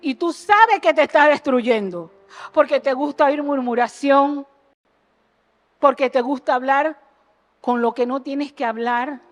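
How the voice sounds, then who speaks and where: A woman preaching an impassioned sermon in a church, jumping between loud exhortation and low earnest asides and firing rhetorical questions at the congregation. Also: a little slow, lo-fi sound. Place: church sanctuary.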